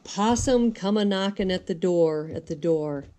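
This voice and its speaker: A woman's voice: on the low side, measured pace, mellow. An older woman, a sweet grandmotherly lady, reading a storybook aloud in a folksy, rhythmic way with dropped g's. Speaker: grandmother reading a picture book.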